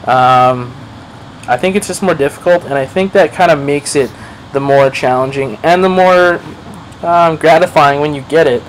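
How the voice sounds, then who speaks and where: This gaming commentator has a mid-range voice and a rough recording with slight background noise. His casual match commentary wanders, he curses without restraint, and he often plays himself down.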